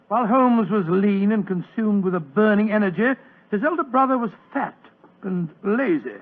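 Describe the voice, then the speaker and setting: A man's voice: sits high, animated, moderate pace. An actor playing a genial older British doctor, avuncular as he tells stories in a 1940s radio drama. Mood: reminiscing. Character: genial old British doctor recounting his adventures. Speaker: storyteller. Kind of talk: 1940s radio acting, storytelling. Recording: old muffled 1940s radio recording.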